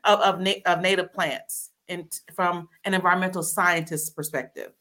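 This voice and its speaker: This host has a lowish, steady voice that sounds pushed and bright, delivered at a normal pace. Raised in a military family and speaking Korean first in childhood, she runs a relaxed interview full of chatter and frequent laughter.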